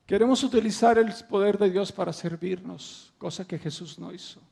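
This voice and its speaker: High-voiced gravelly male preacher. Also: moderate pace, darkish tone. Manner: impassioned preaching, swelling to emphatic peaks; rhetorical questions to the congregation. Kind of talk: sermon.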